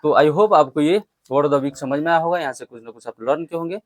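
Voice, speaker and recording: A man's voice: on the high side, brisk, no echo. Man drilling vocabulary with a class. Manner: call-and-response drilling, spells words letter by letter. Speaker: English teacher. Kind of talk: vocabulary lesson.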